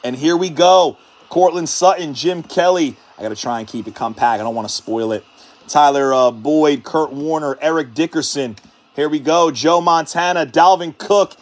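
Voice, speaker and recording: A man hosting a card-break stream, calmly calling out cards and then shouting in hyped excitement at the big hits. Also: on the high side, normal speed. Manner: hyped, shouting exclamations between calm card callouts.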